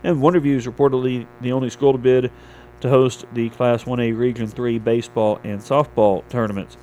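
A man's voice: medium pitch, steady tone, a little fast, warm tone, lo-fi sound, a little hiss or hum. A man anchoring a local radio newscast, reading sports scores and weather from a script in a studio.

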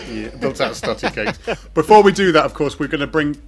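A man's voice: on the high side, expressive, fairly quick. A man hosting a podcast, chatting casually and joking, with lots of fillers. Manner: rambling, jokey, full of fillers. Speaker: podcast host. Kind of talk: casual chat. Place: remote call. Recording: music playing behind.

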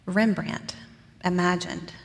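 A woman's voice: lowish voice, fairly even intonation, takes it slowly, long reverb tail. A woman preaching in the first person as Mary, a young mother telling her own story in an earnest, conversational way with casual asides, in a church. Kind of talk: first-person dramatic sermon monologue.

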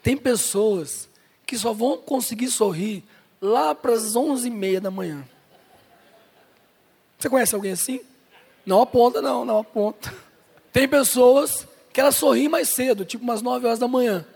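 A male pastor preaching to his congregation, with a strikingly high, breathy voice. He jokes and talks straight to the people in the pews. The recording carries the long reverb of a large church hall. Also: moderate pace, a little mellow. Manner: playful, jokes with and addresses the congregation. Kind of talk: sermon. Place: church service.

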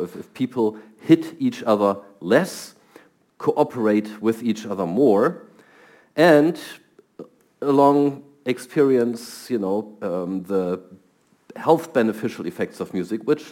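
A middle-aged German scientist, appearing as a guest, answers interview questions thoughtfully in a German accent, often repeating words as he begins. His voice is lowish and slightly mellow.

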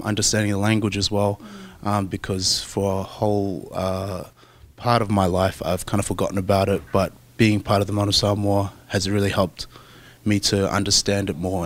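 A young man with an Australian accent, a rugby player answering interview questions in a soft, hesitant, thoughtful way with many fillers. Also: low-pitched.

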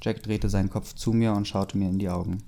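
Mellow-voiced young man reading a story aloud. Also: lowish voice, flat delivery, fairly quick, vocal fry, slight background noise. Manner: reads loosely, interrupts with asides and chuckles. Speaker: story reader. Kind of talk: casual read-aloud of a fan story with comments.

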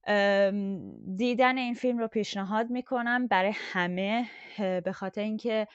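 A woman in a workshop recommending a film, speaking thoughtfully with hesitant pauses and fillers over an online audio call. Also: medium pitch, lively intonation, clean tone, dry recording, lo-fi sound. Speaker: workshop participant.

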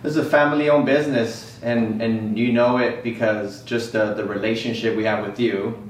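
A man's voice: fairly low pitch, fairly even intonation, normal speed, far from the mic. Easygoing male guest off-mic in a roomy space, faint ambience. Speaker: guest, company employee. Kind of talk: casual interview chat.

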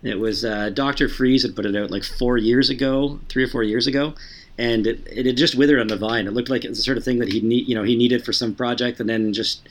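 A man talking casually as a podcast guest about his software work, stumbling over many restarts and fillers. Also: mid-range voice, fairly even intonation, fast. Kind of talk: casual conversation.

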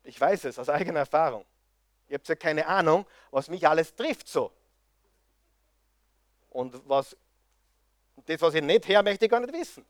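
Male preacher, high voice, dry sound, fervent rhetorical questions. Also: lively intonation, normal speed, pauses often, dry recording. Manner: impassioned, with rhetorical questions to the audience. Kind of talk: sermon.

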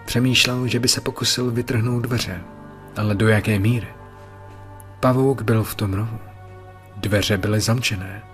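A man narrating a horror story in a steady, measured way. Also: on the low side.

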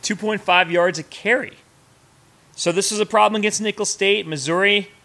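Brief: male host, sarcastic and profane ranting, slightly high voice. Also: fairly even intonation, gravelly, sharp tone. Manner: sarcastic, profane, fast rants. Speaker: host of a sports fan podcast. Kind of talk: casual ranting commentary while cooking.

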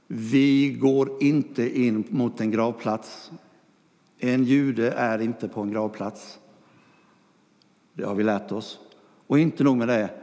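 A man preaching a sermon, retelling a story with lively questions and quiet asides. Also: mid-range voice, big-room sound.

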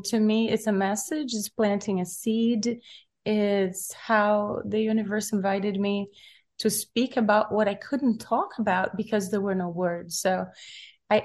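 Brief: middle-aged woman, reflective interview guest, gentle pauses, mid-pitched voice. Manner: soft-spoken, searching for words, many fillers. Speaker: recording artist interviewed.

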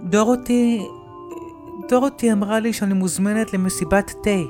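A man's voice: sits high, fairly even intonation, faint music behind, pitched above the performer's own voice, natural voice. Man putting on a timid little girl. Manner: soft, hesitant, stammering. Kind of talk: horror story narration.

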